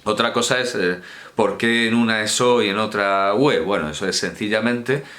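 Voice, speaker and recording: A man with a Spanish accent giving a spoken grammar lecture, emphatic and lively, sounding out vowels aloud to demonstrate them. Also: fairly low pitch, moderate pace. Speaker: university lecturer.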